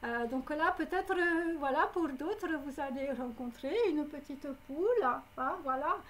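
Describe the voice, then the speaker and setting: A woman's voice: high-pitched, animated, measured pace, fairly bright tone. A woman giving a psychic reading to her viewers, rambling with many fillers and tags. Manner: speaks directly to viewers. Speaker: psychic reader. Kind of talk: live clairvoyant prediction.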